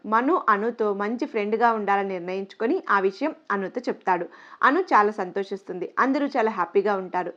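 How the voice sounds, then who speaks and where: A woman narrating a romantic story for listeners in a gentle, even read-aloud manner. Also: mid-range voice. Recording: dull lo-fi sound.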